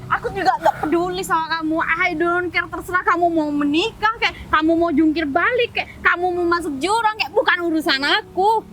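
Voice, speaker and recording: A woman's voice: extremely high pitch, normal speed, fairly bright tone, a little hiss or hum, poor audio. An actress playing an arrogant, scornful young woman who sneers at her ex-boyfriend in a web drama, recorded outdoors. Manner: sneering, scolding, dismissive. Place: outdoors in a public place.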